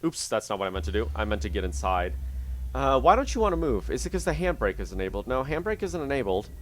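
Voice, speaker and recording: A man's voice: medium pitch, very animated, fast talker, noisy background. A man hosting casual gameplay commentary on a train simulator, chatting, thinking aloud and talking to his train while he has the hiccups. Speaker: gaming channel host.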